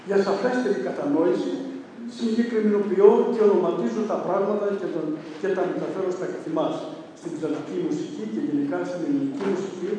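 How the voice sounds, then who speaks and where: High, mellow male lecturer in echoey hall. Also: slight background noise. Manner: measured, didactic, slows to stress terms. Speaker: lecturer on chant rhythm. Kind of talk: formal lecture. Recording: echoey hall, voice far from the mic.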